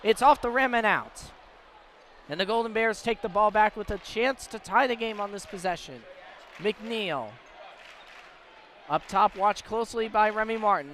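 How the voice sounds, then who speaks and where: With a high, slightly bright voice, an American man does live play-by-play of a basketball game on the radio. Game ambience and the sound of a bouncing ball come through clearly behind him in the live broadcast.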